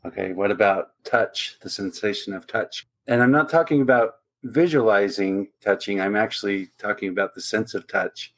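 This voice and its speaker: A man hosts a podcast and asks casual interview questions in a low-pitched voice. He often laughs between his questions. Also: moderate pace, few pauses, a bit bright. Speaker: podcast host.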